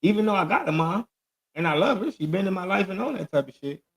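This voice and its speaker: A man's voice: sits high, lively intonation, fast. A man in his late thirties in casual podcast chat, talking in loose, slangy, emphatic stories. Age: 30s. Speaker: podcast host.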